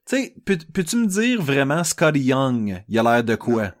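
A man's voice: mid-range voice, very animated, moderate pace. A man with a Quebec French accent, a co-host talking casually and colloquially. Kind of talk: casual chat.

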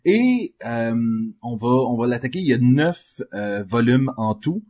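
A man's voice: mid-range voice, very animated, a little slow, a little mellow. A man with a Quebec French accent hosting a casual podcast chat, hesitant with many fillers. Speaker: podcast host.

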